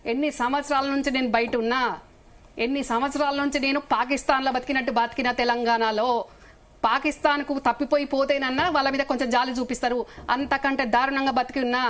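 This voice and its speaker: Middle-aged Telangana woman, TV debate guest; high-pitched, rapid, emphatic and accusing. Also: level tone, a bit bright. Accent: Telangana Telugu. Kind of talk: heated live TV debate.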